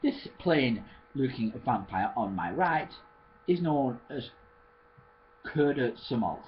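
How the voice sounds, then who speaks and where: A man's voice: medium pitch, animated, takes it slowly, lo-fi sound, slight background noise. A man voicing a stern, scarred male vampire mentor, in a homemade storybook reading.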